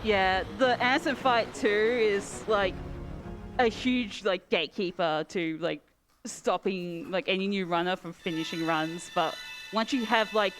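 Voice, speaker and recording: Music plays in the background as an Australian woman talks unhurriedly in a medium pitch. Having just wrapped up a speedrun, she chats casually but hesitantly, leaning on lots of "um" and "like."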